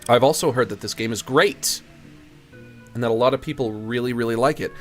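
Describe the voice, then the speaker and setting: A man's voice: medium pitch, a little fast. A man chatting casually on a livestream in a rambling, joking way, with strong hissy sibilance from his studio microphone. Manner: rambling, joking, chuckles at own jokes. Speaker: video game streamer. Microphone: expensive large-diaphragm studio condenser microphone. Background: music.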